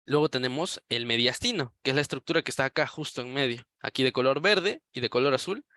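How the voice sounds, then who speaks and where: A man's voice: mid-range voice, fast talker, bright, forceful tone, no room sound, clean studio sound. A man teaching an anatomy class, explaining step by step while pointing at images. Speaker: anatomy lecturer. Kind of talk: recorded anatomy lecture.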